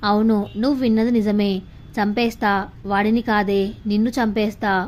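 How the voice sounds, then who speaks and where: A woman's voice: mid-range voice, flat delivery, normal speed, darkish tone, lightly acted. A woman voicing an arrogant rich young woman who bullies and threatens a junior student, in a taunting, sneering manner.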